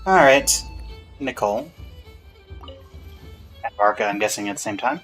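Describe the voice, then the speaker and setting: A man's voice: on the low side, expressive, unhurried, fairly bright tone. Casual man streaming a game. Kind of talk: casual gameplay commentary. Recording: faint music behind voice.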